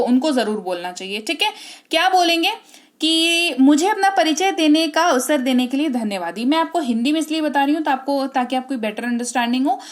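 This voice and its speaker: A woman with an Indian accent and a slightly high-pitched voice delivers a spoken English lesson. She explains mostly in Hindi, sprinkling in English phrases and frequent check-ins with her listeners. When she models an English sentence, she slows it down to a careful, deliberate pace. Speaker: English teacher.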